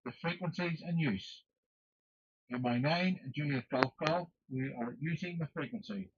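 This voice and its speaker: A man's voice: a little high, moderate pace. Man calling on ham radio, dull static-tinged sound. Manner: formulaic, spells call signs in phonetic alphabet. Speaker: amateur radio operator.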